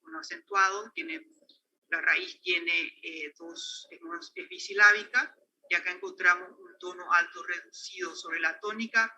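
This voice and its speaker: A man's voice: sits high, pushed and bright, a little hiss or hum, low-quality recording. A man with a Paraguayan Spanish accent giving an academic lecture on linguistics, hesitant, with many fillers and restarts.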